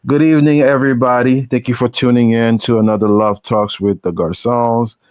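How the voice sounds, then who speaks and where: A man's voice: lowish voice, fairly even intonation, moderate pace, a little mellow, no echo. A man co-hosting a live podcast with his wife, chatting casually and teasing playfully. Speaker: podcast co-host. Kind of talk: casual chat on a live show. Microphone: studio microphone.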